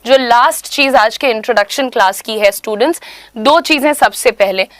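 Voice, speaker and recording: A woman's voice: on the high side, moderate pace, a bit bright, no echo. A young woman with an Indian accent giving an online spoken English class, emphatic and instructive, repeating key points. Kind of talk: online class lecture in mixed Hindi and English.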